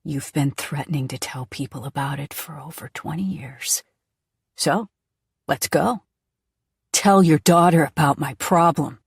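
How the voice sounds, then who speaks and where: A woman voicing a calm, menacing male captor who mocks his prisoners. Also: low voice, measured pace, gravelly, breathy edge, dry recording, studio quality, pitched below the performer's own voice, heavily acted.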